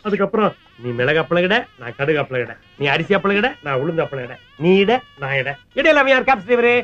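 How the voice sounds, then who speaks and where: An actor playing a whiny, scheming young nephew in a film comedy, complaining in quick comic patter. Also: male voice, high-pitched, very animated, fairly bright tone, muffled recording.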